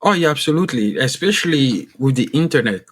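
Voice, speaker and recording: The speaker, an Ivorian economist and author and a first-language French speaker with a French-speaking Ivorian accent, talks as a guest in a podcast interview. His medium-pitched voice is fairly quick with lively intonation. He is earnest and restarts or repeats phrases to stress what he means.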